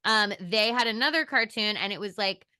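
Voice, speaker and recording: A young woman, an actor, telling stories in an animated, casual podcast chat. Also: mid-range voice, clean tone, no echo, clean studio sound. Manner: animated, quick storytelling with laughs.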